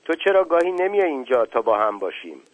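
A man voicing a shy, lonely young female daisy flower in a storybook reading, speaking softly. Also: mid-range voice, sing-song, no echo, narrow, tinny audio, close to an everyday voice. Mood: shy, wistful. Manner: soft, timid then gently talkative.

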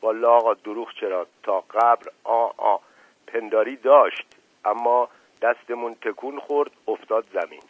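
A man's voice: medium pitch, steady tone, no room sound, close to an everyday voice. A man voicing an evasive, folksy old male servant who hedges and grumbles under his breath, in an audiobook reading. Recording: narrow phone-like radio recording.

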